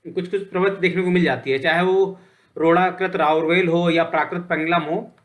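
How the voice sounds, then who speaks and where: A man's voice: high voice, steady tone, brisk. A man teaching an online lesson in a conversational way, asking questions and answering them himself, often checking in with his listeners. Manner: conversational, repeats points with "ठीक है". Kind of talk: online lecture.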